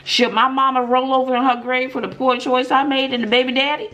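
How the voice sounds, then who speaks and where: A woman's voice: high voice, level tone, brisk, fairly bright tone, slight background noise. A middle-aged woman telling stories and opinions casually to viewers, emphatic, with rhetorical questions and frequent mm-mm interjections. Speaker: mukbang vlogger and middle school teacher telling stories. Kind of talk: casual story time and opinion talk to viewers.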